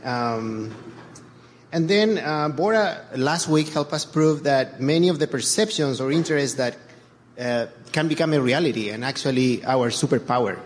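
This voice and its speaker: A middle-aged Chilean man, a church elder, offers his congregation an earnest but halting reflection full of fillers and false starts. His voice sits in the mid-range, and a faint hiss or hum runs underneath.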